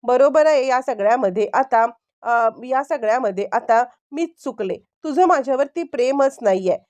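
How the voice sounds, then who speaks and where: A woman's voice: high-pitched, expressive, normal speed, a little mellow. A woman reading a pleading, evasive young wife.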